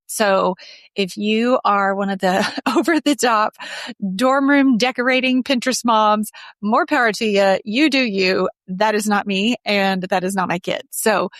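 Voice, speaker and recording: A middle-aged woman talks casually and openly on her own solo podcast, addressing her listeners directly in a chatty way. Her voice is medium-pitched, and the recording is dry and studio quality.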